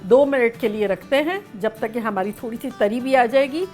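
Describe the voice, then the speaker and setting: A chatty, playful cooking show host walks through a home recipe in a fairly high voice at normal speed, keeping an easy, homey tone throughout. Soft music and a sizzling pan sound behind her, and she sings snatches of songs as she goes.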